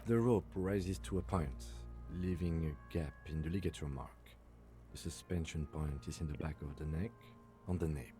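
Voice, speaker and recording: A composed police lieutenant in a game, very deep and mellow in tone. He reads out findings in a dry, measured way. Soft music plays underneath. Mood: clinical. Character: calm, precise male police lieutenant.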